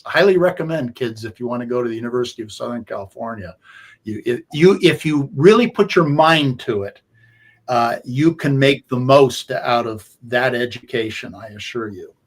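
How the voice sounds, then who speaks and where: A man of middling pitch co-hosts a sports radio show. He spins long, wandering anecdotes, his voice dropping away as each thought winds down. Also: expressive, moderate pace. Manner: rambling anecdotes, trails off. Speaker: co-host. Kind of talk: radio talk, storytelling.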